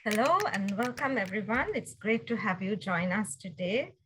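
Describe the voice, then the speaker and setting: A woman's voice: medium pitch, lively intonation, moderate pace, very noisy. A woman interviewer reading a prepared introduction of a guest for a podcast.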